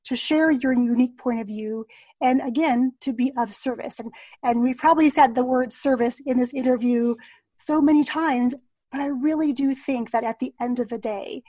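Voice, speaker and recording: Lady podcast host, higher voice, dry close mic, agreeing and building on points. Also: normal speed, warm tone, no echo. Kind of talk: conversational interview.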